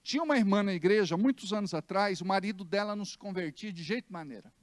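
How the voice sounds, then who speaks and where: A man's voice: high voice, fast talker, no room sound. A Brazilian man preaching as pastor in a church, emphatic and acting out stories. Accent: Brazilian Portuguese. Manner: emphatic preaching with dramatized anecdotes. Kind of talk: sermon.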